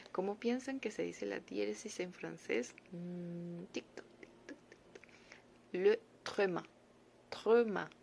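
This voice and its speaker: Woman, French teacher, slow patient explaining, gravelly voice, faint background noise. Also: on the low side. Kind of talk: casual online language lesson.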